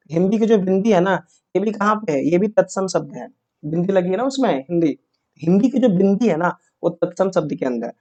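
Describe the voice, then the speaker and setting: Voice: mid-range voice, a little mellow. Teacher explaining grammar rules for an exam, keeps asking and answering herself, lots of "right?" check-ins. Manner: repeats key points and checks with "है ना" and "yes or no"; asks questions and answers them herself. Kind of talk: exam-prep grammar lesson.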